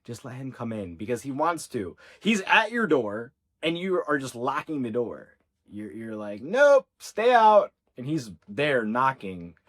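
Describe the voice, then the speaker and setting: Male spiritual coach, mid-pitched, casual and earnest, repeating his reassurances. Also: big pitch swings, unhurried, fairly bright tone. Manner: conversational with fillers like "like" and "yeah". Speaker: ascension coach. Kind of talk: channeled spiritual reading to viewers.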